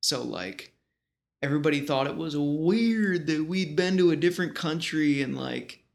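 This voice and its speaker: Expressive and on the high side, this American man's creaky voice carries casual, rambling stories told at a normal pace. He's a guest in his thirties from a small town in western New York, and his talk is informal and full of slang.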